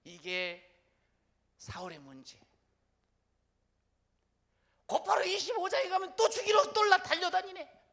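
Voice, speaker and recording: A man pastor preaching a sermon, moving from soft, slow prayerful lines to loud, shouted declarations. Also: very high voice, huge pitch swings, vocal fry, in a large hall.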